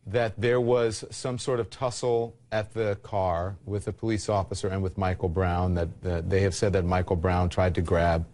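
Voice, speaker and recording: Low-pitched man asking interview questions. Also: flat delivery, moderate pace, few pauses, a little mellow, slight background noise.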